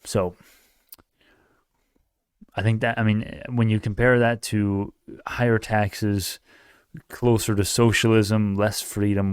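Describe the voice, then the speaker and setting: Teen male vlogger, fairly low voice, dry close-miked sound; rambling, opinionated, self-correcting delivery. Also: darkish tone, smooth, no echo. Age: late teens. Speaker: YouTube commentator. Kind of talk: casual political rant to camera.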